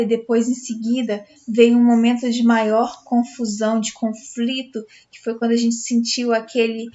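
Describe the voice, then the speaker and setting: A Brazilian woman teacher reading a storybook aloud to schoolchildren in an expressive, dramatic way. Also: a little high. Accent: Brazilian Portuguese. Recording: dull lo-fi sound.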